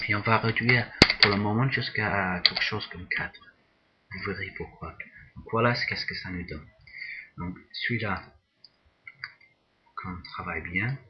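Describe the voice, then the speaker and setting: A man teaching a software drawing tutorial, talking slowly and hesitantly, often repeating words as he works. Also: deep voice, lo-fi sound. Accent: non-native English pronunciation. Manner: slow, hesitant, repeats words while working. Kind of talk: screen-recorded software tutorial.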